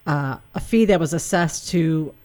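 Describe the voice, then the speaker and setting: A woman's voice: low-pitched, measured pace, a little mellow. A woman hosting a radio interview, asking questions tentatively, searching for words. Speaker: radio host.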